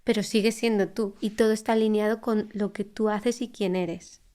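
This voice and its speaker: A woman's voice: medium pitch, steady tone, normal speed, dark tone. Reflective woman speech therapist in conversation. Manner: reflective, full of restarts and tag questions. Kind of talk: conversational interview. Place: podcast recording.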